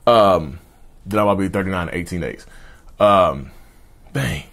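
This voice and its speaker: A low, slightly bright voice comes from a mental health channel host in his thirties, who speaks at a normal speed with animated energy. Facing the camera in an indoor studio with a backdrop, he gives advice in an emphatic, repetitive way, calling viewers "y'all."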